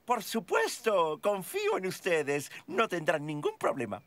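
A woman's voice: fairly low pitch, wildly swooping pitch, a little slow, over music. A woman voicing a cheerful, flighty cartoon monarch with a theatrical, flowery and regal manner. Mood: merry, grand. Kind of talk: animated children's show dubbing.

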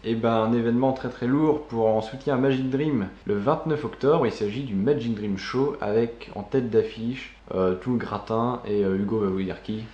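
A relaxed man co-hosts a casual magic news show. He rambles a little and fills gaps with small sounds. His voice sits in an echoey room, and the recording is dull and muffled. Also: medium pitch, normal speed, few pauses. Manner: loose and chatty, many fillers. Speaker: co-host.

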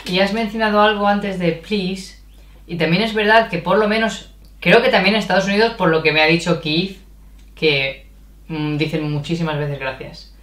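A woman's voice: on the low side, steady tone, moderate pace, a bit bright. A woman from Spain with a Spanish accent, co-hosting a bilingual casual chat and asking curious questions. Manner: curious, asks questions, laughs easily. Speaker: co-host, language learner. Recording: echoey room.

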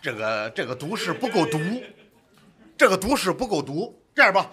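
A man performing crosstalk comedy on a theater stage, teasing his partner in a punchy, lively way. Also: a little high, moderate pace, a crowd in the background. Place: theater stage before a live audience.

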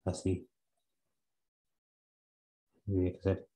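Male teacher quizzing students, mellow voice. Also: low-pitched, completely flat delivery. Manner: questioning, repeats words slowly to students. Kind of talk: classroom lesson.

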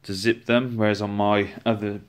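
A man's voice: fairly low pitch, normal speed, clear, resonant tone. A man giving a casual, chatty walkthrough of his outdoor gear, filmed on a handheld phone camera indoors at home. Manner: chatty, relaxed, with frequent restarts. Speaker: gear reviewer.

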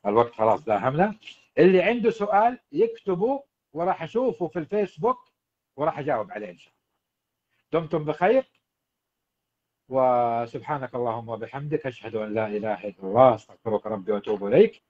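A man's voice: medium pitch, big pitch swings, fast talker, long pauses, a little mellow, lo-fi sound. A man, a marriage coach giving earnest advice to husbands on a livestream. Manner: earnest, exhorting, addresses husbands directly. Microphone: livestream setup.

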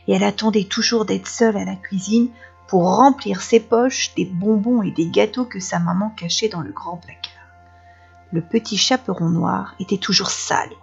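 Woman, kindergarten teacher, expressive read-aloud for children; slightly husky voice; dull lo-fi recording with faint music. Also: mid-range voice. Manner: lively, dramatic narration. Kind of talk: expressive storybook reading for children.

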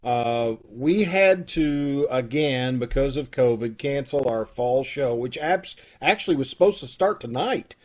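A middle-aged man hosts a live radio troupe show from home over a video call, announcing and chatting casually. His medium-pitched voice has lively intonation, a measured pace, and few pauses.

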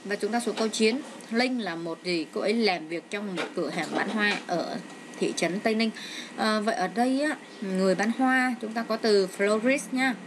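A woman's voice: mid-range voice, normal speed. A middle-aged woman teacher explaining an exam step by step from home, with frequent hesitant fillers. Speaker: English teacher. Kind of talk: exam walkthrough lesson. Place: home with a child nearby. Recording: noisy home recording.

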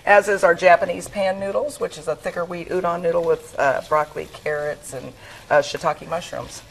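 A woman's voice: on the low side, fairly even intonation, normal speed, vocal fry, husky, rough recording. A woman cooking in a restaurant kitchen as she chats on a TV segment, upbeat and eager, laughing easily. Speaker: restaurant cook. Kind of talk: cooking demo chat. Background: food sizzling on the stove.

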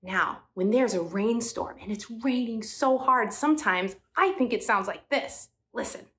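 A woman's voice: a little high, unhurried, background noise. A woman teaching a music class for young children, talking in a cheerful, sing-song way and coaxing the kids to join in.

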